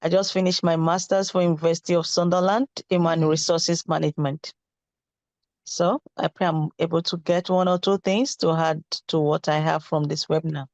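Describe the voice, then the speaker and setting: A woman's voice: sits low, flat delivery, moderate pace, darkish tone, no room sound. A woman introducing herself as a participant on an online call. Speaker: webinar participant.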